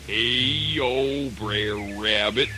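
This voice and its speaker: An actor playing a sly, easygoing terrapin in a children's radio play, drawling folksily. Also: male voice, mid-range voice, drawn-out words, music in the background. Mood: sly, pleased. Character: sly, easygoing young male terrapin of folktale. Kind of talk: children's radio theatre dramatization.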